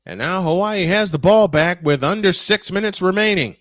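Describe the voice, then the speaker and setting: Excitable man calling football play-by-play. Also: high-pitched, no echo. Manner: rising excitement on big plays, quick self-corrections. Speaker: play-by-play announcer. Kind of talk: play-by-play commentary.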